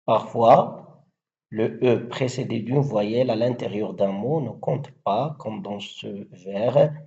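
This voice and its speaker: Male teacher, mellow low voice, unhurried, recites verse examples on a muffled recording. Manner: slow, deliberate, spelling out syllables and rhyme schemes. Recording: dull lo-fi recording.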